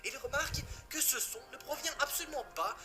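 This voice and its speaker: Music plays behind a man from France whose voice is very high and brisk. He gives a relaxed creepypasta reading, joking around and cursing in asides directed at the viewer.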